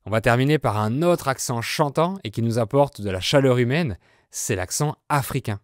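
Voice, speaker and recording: A French man hosting a podcast lesson, explaining with slow, clear delivery. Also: medium pitch, expressive, no echo, clean studio sound. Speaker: French teacher, podcast host.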